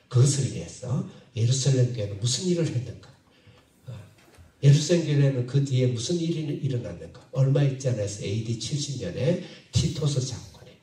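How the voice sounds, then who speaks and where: A pastor preaching in a mellow, dark voice, halting and circling back over his phrases as he prompts the congregation. He is heard from some distance in an echoey hall. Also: medium pitch. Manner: halting, repeats phrases, asks the congregation questions. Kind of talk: sermon with Bible reading.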